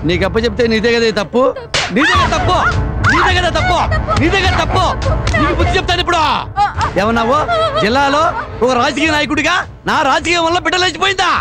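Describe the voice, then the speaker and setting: A man's voice: very high-pitched, very animated, quick pace, loud music behind the voice, a loud crowd. An actor playing a bossy middle-aged husband and local politician who nags and lectures his wife, in a film comedy scene. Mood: lecturing. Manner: nagging, lecturing, mock-pleading. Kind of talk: Telugu film comedy acting. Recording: film soundtrack with background score.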